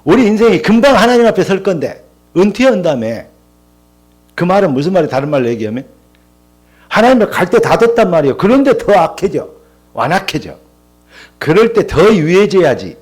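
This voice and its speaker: A man's voice: high-pitched, brisk, long pauses, soft background music. An older man, a pastor, preaching a sermon in church and telling stories with quoted dialogue. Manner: animated storytelling with quoted dialogue.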